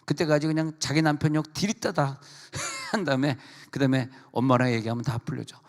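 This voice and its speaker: A man preaching a sermon as pastor, acting out a mother and daughter in lively voices and putting questions directly to the congregation. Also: medium pitch, a little fast, big-room sound. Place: church sanctuary.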